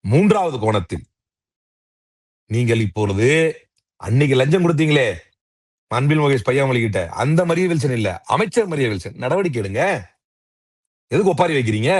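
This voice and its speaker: This man's voice sits on the high side as he argues politics as an interview guest, combative and derisive, throwing out rhetorical questions. He's a political commentator in a heated exchange, recorded dry in studio quality.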